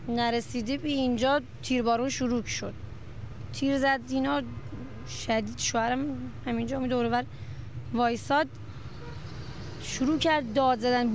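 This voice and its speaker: High-voiced woman giving emotional testimony. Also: a little hiss or hum. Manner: emotional, halting, with restarts. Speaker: eyewitness, mother. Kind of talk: recounted testimony in an interview.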